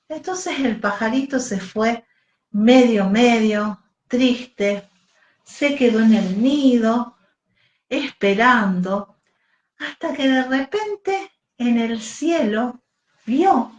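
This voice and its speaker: A woman with a Rioplatense accent, a yoga teacher trainer, telling a children's story in a slow, sing-song voice and leading breathing exercises. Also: fairly high pitch. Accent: Rioplatense Spanish. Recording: echoey room.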